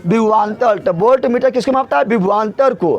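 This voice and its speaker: A man's voice: sits high, brisk, lo-fi sound. A man teaching a physics class, drilling his students with repeated questions. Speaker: tutor.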